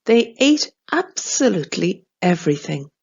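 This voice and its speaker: A woman reading a children's storybook aloud, slow, clear and expressive. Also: medium pitch, dull audio.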